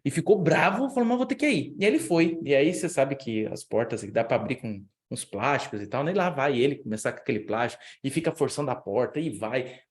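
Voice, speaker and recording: Lively Brazilian man preaching. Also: brisk, few pauses. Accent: Brazilian Portuguese. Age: young adult. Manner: lively storytelling, acts out dialogue with big pitch jumps. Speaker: youth week speaker. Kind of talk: sermon with personal story.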